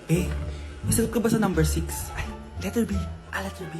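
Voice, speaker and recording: A woman's voice: medium pitch, brisk. A woman acting out comedic skits in a playful, teasing, mock-angry way. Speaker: comedy skit creator. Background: background music.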